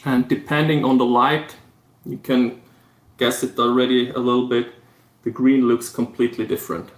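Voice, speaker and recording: Hosting a casual livestream, this German-speaking man from Vorarlberg in Austria talks in Austrian-accented English with a level tone. His explanations come step by step, halting and low-key, and the sound has a roomy echo.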